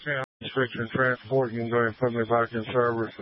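A man's voice comes over a two-way fire radio in a flat, matter-of-fact monotone. The transmission sounds dull and muffled, with faint hiss and clicks behind it. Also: mid-range voice, a little fast. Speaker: firefighter on a radio call. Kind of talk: radio field report.

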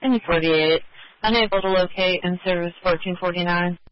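Male dispatcher on a two-way radio, high register, brisk read-backs, muffled band. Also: fairly even intonation, no room sound. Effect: two-way radio transmission. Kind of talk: terse radio traffic. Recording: dull, dry radio channel.

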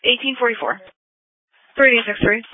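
A woman's voice: fairly high pitch, animated, normal speed, breathy edge. Woman dispatcher over police radio. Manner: clipped, routine acknowledgements. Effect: police radio transmission. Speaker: emergency dispatcher. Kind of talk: terse radio dispatch calls. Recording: tinny scanner radio audio.

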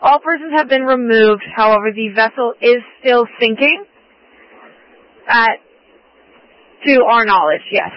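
A man's voice: extremely high pitch, unhurried, pauses often, no room sound. A man working as a Coast Guard radio operator, speaking in clipped, formal radio procedure over a marine radio transmission. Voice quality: crisp, formal call-and-response phrasing. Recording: muffled dry radio audio.

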